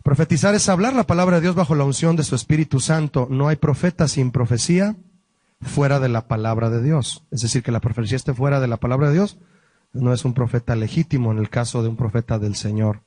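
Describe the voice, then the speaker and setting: A man, a pastor, teaching a Bible study lesson, explaining word meanings slowly and asking the listeners questions. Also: medium pitch, darkish tone, dry recording.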